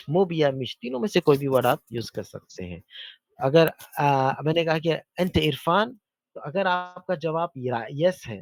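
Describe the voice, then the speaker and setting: A man teaching a beginner Arabic class over a video call, patiently repeating words slowly for his students. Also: on the high side, darkish tone, no echo. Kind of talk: online beginner language lesson.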